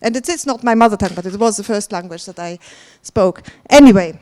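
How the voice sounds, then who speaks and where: Fairly quick and a little mellow, the mid-range voice belongs to a woman from Germany serving as a conference host. She delivers a stage address in a large conference hall, chatting with the audience amid frequent laughter.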